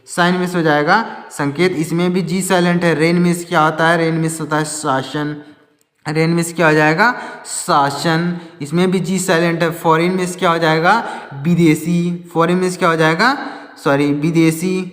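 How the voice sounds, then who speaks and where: A man's voice: a little high, flat delivery, normal speed, a bit bright. A man teaching English vocabulary in Hindi, repeating each word and quizzing the viewer, pointing at words on a board. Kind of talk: Hindi-language English lesson. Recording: echoey room with long reverb.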